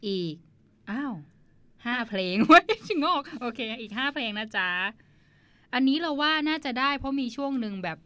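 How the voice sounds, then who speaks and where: A woman's voice: sits high, animated, moderate pace, sharp tone, smooth, no echo. A woman hosting a casual music-guessing game, chatting and humming melodies as clues. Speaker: game show host. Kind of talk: casual variety-show hosting.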